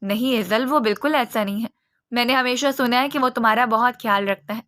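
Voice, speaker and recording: Woman reads a calm, comforting young friend in a storybook, soft and bright. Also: a little high, close to an everyday voice. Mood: soothing. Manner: soft, soothing.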